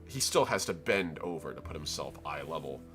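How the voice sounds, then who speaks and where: A man's voice: extremely low pitch, animated, brisk. A man running a tabletop game, improvising narration and casually explaining scenes to players. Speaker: game master. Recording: prominent background music.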